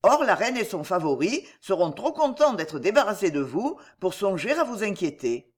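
An audiobook reader voicing a forceful, insistent male adventurer giving urgent advice in a historical novel. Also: medium pitch, big pitch swings, normal speed, slightly rough.

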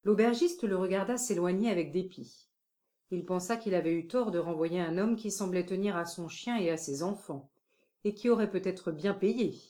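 A woman narrating a classic novel as an audiobook in a calm, measured way. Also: on the low side.

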